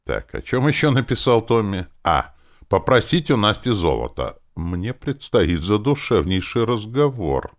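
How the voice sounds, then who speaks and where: A man's voice: fairly low pitch, big pitch swings, unhurried. A man narrating a first-person audiobook in a wry, sardonic manner.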